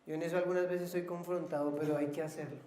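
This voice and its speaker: High-pitched guy pastor preaching, jokey, acts stuff out, big echoey church sound. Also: quick pace. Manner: lively and joking, acts out little scenes, has the congregation repeat after him. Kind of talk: sermon.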